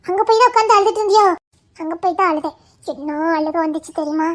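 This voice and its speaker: A woman's voice: extremely high pitch, quick pace. A woman in a Tamil audio drama voicing a hurt, childlike young wife who refuses her husband in petulant, playful bursts. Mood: tearful recounting.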